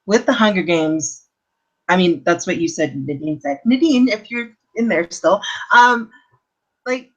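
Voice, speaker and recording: A woman in her thirties from Canada, co-hosting a casual book club live stream, chatty and rambling, with self-deprecating asides. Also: medium pitch. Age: 30s.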